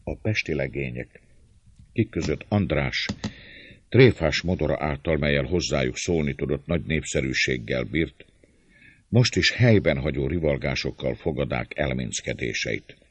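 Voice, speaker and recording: Deep-voiced man narrating an audiobook. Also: husky, dry recording. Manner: measured, storytelling. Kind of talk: audiobook narration of a classic novel.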